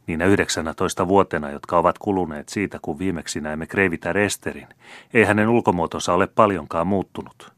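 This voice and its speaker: A man narrating a classic novel as an audiobook in a measured, literary reading. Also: low-pitched, dry recording.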